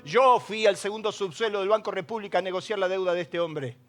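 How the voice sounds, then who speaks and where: A middle-aged man with an Argentine accent, preaching a sermon in a church service, swinging between hushed lows and shouted peaks. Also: brisk, faint music behind. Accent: Argentine Spanish. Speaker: pastor.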